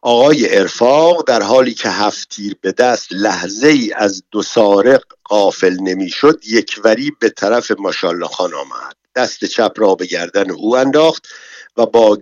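Low-voiced male storyteller, dry and dull. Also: animated, no echo. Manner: measured, dramatic storytelling. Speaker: narrator. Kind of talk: audiobook narration.

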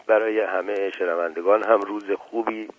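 A man reading a novel aloud on a radio program, calm and courteous. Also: on the low side, dry recording, poor audio. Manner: calm, courteous, hesitant fillers in chat. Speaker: radio book reader.

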